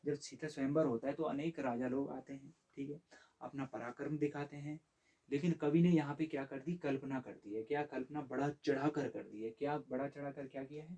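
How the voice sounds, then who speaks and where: A man teaching Hindi literature for exams. He recites each verse slowly, then explains it with many fillers, and he asks questions and answers them himself. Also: medium pitch, dark tone. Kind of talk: exam-prep lesson explaining poetry.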